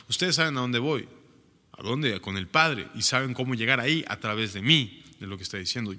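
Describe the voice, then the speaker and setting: Brief: male preacher, bright voice, chatty Bible teaching in a long reverberant room. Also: mid-range voice. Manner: reads scripture aloud, then comments with frequent rhetorical "¿no?".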